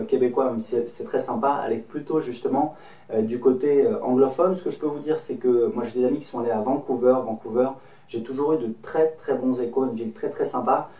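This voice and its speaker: Mellow-voiced French man, echoey room. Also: medium pitch, fairly even intonation, a little fast. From France. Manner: chatty, friendly, speaks from personal experience. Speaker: host giving travel advice. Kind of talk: casual advice talk to camera. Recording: echoey room, mic set at a distance.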